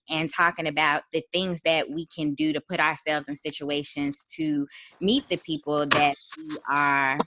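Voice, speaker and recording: A woman in her thirties hosting a casual podcast chat, relaxed and chatty with frequent ums. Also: low-pitched, no echo. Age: 30s. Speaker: podcast host.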